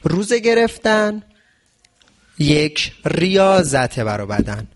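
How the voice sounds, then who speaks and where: High-voiced man teaching in a Q&A style. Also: big pitch swings. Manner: asks and answers his own questions. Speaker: traditional medicine teacher. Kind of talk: religious health lesson.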